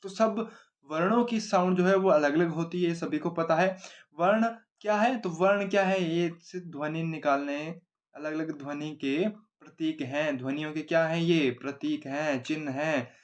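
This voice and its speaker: A man's voice: on the high side, steady tone, moderate pace. A male grammar teacher giving an exam-oriented lesson at a board, explaining simply and often asking and answering his own questions. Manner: explains simply, repeats questions and answers them himself, asks 'है ना?' often.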